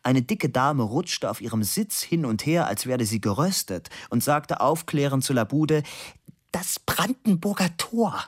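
A man narrating an audiobook in a lively, expressive reading voice. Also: medium pitch, normal speed, hardly any pauses.

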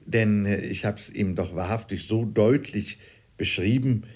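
A man narrating a classic novel as an audiobook reader, wry and lively. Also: fairly low pitch, measured pace, slightly rough.

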